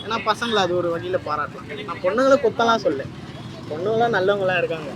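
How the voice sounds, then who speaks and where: A man's voice: high-pitched, quick pace, crowd noise. A young man answering street interview questions outdoors, earnest and rambling, a little defensive.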